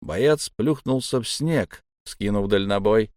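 A man narrating an adventure audiobook in a steady, even reading voice. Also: on the low side, takes it slowly, dry recording, clean studio sound. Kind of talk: scripted narration.

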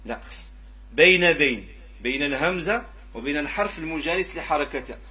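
A man with a Moroccan accent teaching a class on Quran recitation rules. His voice is high-pitched and bright. He asks his students questions and demonstrates sounds by stretching them out and repeating them. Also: animated. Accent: Moroccan Arabic. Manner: drawn-out demonstrations of pronunciation. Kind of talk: classroom lesson on tajweed.

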